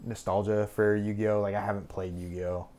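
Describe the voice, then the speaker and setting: A man's voice: fairly low pitch, flat delivery, normal speed, dark tone. A young man co-hosting a podcast, chatting casually and rambling with fillers and restarts. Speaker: podcast co-host. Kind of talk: casual chat.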